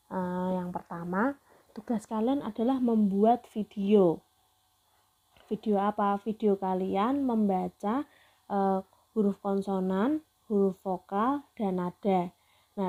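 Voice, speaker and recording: A woman teaching a Mandarin lesson to students, slowly modeling sounds for them to repeat. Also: mid-range voice, warm tone, lo-fi sound. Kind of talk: online class lesson.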